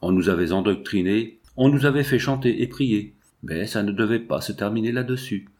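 Man reading a novel out loud, lowish voice, steady audiobook narration. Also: moderate pace. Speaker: audiobook reader. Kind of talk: literary narration.

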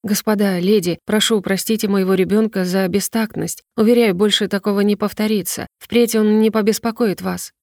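A woman's voice: mid-range voice, steady tone, normal speed, few pauses, a little mellow, no echo, clean studio sound, close to an everyday voice. A woman voicing an anxious young servant mother who speaks in a pleading, deferential way.

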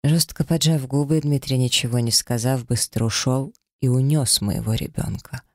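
A man's voice: medium pitch, steady tone, normal speed, dry recording, clean studio sound. A man reading a first-person story as an audiobook narrator, dramatic and emotional.

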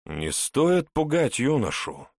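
Male reader doing a polite, genial young official, calm and courteous, lively tone. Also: mid-range voice, slow, no room sound, studio quality, voice pushed up, exaggerated voice.

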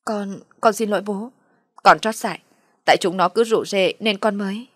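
A woman's voice: mid-range voice, no echo, studio quality, natural voice. A woman voicing a frightened young man pleading with his father. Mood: apologetic. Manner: hurried desperate pleading.

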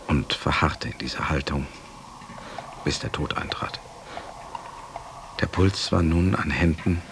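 In a literary radio play narration, a sober male companion recounts his master's death. His low, creaky, exaggerated voice is measured and grave, going hushed at phrase ends, over a faint background noise.

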